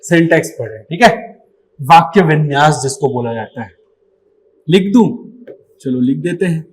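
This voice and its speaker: A man's voice: on the high side, expressive, normal speed, rough recording. A young man teaching a live online exam-prep lesson. He explains step by step, calls his students "beta", and asks the class questions that he then answers himself. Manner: calls students 'beta' affectionately.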